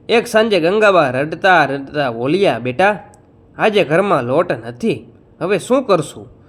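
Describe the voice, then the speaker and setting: A man narrating a scripted, emotional moral folk tale in an expressive storytelling manner. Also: on the high side, slightly rough.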